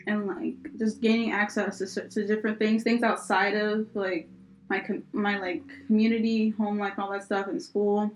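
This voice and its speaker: A woman's voice: mid-range voice, flat delivery, moderate pace, low-quality recording. A young woman co-hosting a podcast, chatting casually, rambling with lots of fillers and laughing often. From United States. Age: young adult. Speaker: podcast co-host. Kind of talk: casual chat.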